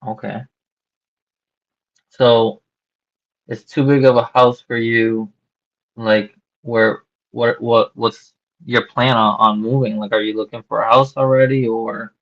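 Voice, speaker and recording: A man cold-calling a homeowner about buying her house, talking casually and haltingly with lots of fillers and restarts, heard over a phone line. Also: medium pitch, level tone. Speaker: real estate wholesaler cold-calling a seller. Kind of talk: casual sales phone call. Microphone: phone call. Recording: dull lo-fi call recording.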